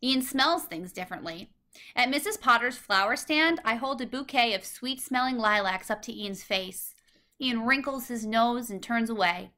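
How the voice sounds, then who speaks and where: At a normal speed, a woman with a bright, fairly high voice reads a scripted children's storybook aloud, expressively and clearly setting out each phrase for young listeners.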